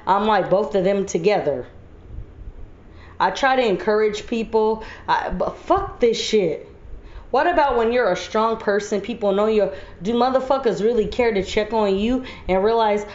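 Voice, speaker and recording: A woman vents in a personal monologue, blunt and heavily profane. The recording sits in an echoey room with a muffled, lo-fi tone, and her pitch stays in a middling range. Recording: echoey room, dull lo-fi audio.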